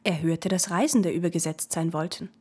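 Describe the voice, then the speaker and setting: A woman narrating a classic fairy tale in a measured, clear storytelling manner. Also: fairly low pitch, darkish tone.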